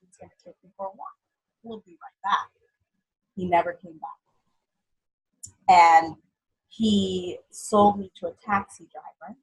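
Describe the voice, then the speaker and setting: A young woman from Haiti, a guest telling her life story in an interview in an earnest, halting way. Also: on the low side, steady tone, slightly rough, rough recording.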